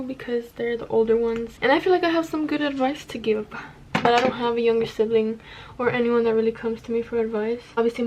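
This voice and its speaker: A woman's voice: on the high side, a little mellow, lo-fi sound, slight background noise. A woman of about nineteen chatting casually as a beauty vlogger, rambling off on tangents in slangy, self-deprecating talk with casual swearing. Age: 19, about to turn twenty. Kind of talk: casual get-ready-with-me chat.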